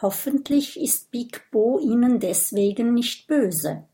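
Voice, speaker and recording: A woman narrating a children's audiobook in a slow, clear storytelling manner. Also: fairly high pitch, animated, warm tone.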